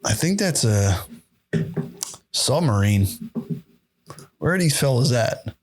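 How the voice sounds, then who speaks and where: A young man hosting a podcast, reacting to videos in a loose, excitable, profanity-heavy way and laughing often into his podcast mic. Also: medium pitch, takes it slowly, a little hiss or hum. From United States. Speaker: podcast host. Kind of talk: casual reaction commentary.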